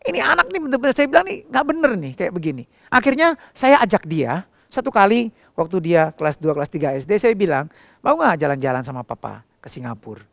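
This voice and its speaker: A middle-aged man preaching a sermon through a personal story, acting out dialogue and swinging between soft, low passages and loud, high outbursts. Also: sing-song, brisk, vocal fry, dry recording. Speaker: pastor.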